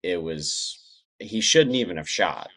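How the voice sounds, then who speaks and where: A man's voice: low-pitched, lively intonation, slow, bright, forceful tone. A man chatting casually as an interview guest, talking in a plainspoken, reflective way. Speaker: podcast guest.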